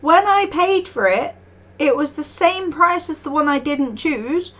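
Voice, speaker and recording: Her voice sits high and a bit bright, with lively intonation and a measured pace. She's an art streamer chatting casually on a live stream, telling stories full of laughter and acted-out quotes.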